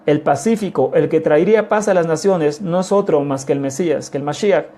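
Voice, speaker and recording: A mellow, somewhat high-voiced man from Mexico teaches a sermon to his congregation. He explains deliberately and without hurry, poses rhetorical questions, repeats key phrases, and often calls his listeners "amados."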